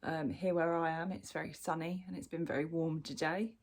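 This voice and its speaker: A British woman with a low voice and little pitch movement chats fairly quickly through a crochet work-in-progress update. She sounds bunged up from a cold and fills her casual show-and-tell vlog with ums and restarts.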